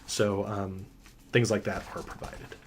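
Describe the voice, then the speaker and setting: A man who designs tabletop games, chatting casually through a livestream Q&A with frequent ums and a relaxed, rambling manner. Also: lowish voice, unhurried, breathy edge. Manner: enthusiastic about his characters.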